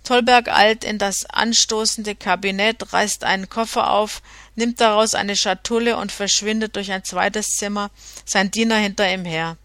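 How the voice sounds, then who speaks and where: A woman's voice: mid-range voice, normal speed, dry recording. Woman reading an old novel aloud. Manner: steady reading with occasional slips and self-corrections. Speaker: audiobook reader. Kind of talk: literary audiobook narration.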